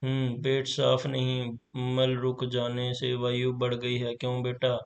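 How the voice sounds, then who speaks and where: A man's voice: medium pitch, monotone, a little slow, gravelly. A self-assured old healer teases a sick boy and pronounces his diagnosis with certainty, read out by a man. He speaks in a level voice. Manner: knowing, kindly teasing. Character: confident old male village healer.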